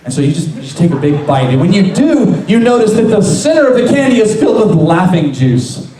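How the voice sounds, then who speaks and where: High-pitched man hypnotist in an echoey hall. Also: very animated, brisk. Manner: repetitive suggestive patter addressing volunteers. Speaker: stage hypnotist. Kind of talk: comedy hypnosis show performance. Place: large indoor hall. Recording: echoey large hall, distant, audience noise. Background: live audience crowd.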